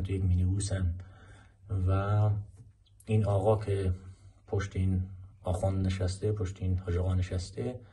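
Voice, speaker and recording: Male teacher, deep and raspy; explains clips, repeats phrases slowly for drills. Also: darkish tone. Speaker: Arabic language teacher. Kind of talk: explaining film clips in a language lesson.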